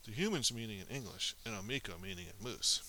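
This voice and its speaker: Expressive male narrator for a kids' story, lively pitch. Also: fast, a little hiss or hum, low-quality recording. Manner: animated, expressive reading with small slips.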